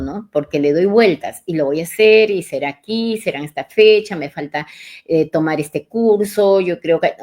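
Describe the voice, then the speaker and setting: Female host for a coaching live stream, fairly low pitch, reflective and questioning. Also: a little mellow. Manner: reflective, poses questions to the listener. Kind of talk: motivational live talk. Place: live online session.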